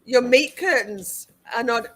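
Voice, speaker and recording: A woman's voice: fairly high pitch, unhurried, pushed and bright. A woman giving irreverent, casual commentary in a mocking, crude and playful manner. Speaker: commentator reacting to a trial broadcast.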